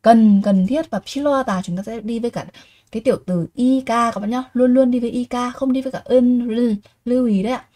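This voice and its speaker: A woman's voice: fairly high pitch, fast, mellow. A woman teaching a vocabulary lesson, repeating each word and asking her students rhetorical questions. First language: Vietnamese. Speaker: Korean language teacher.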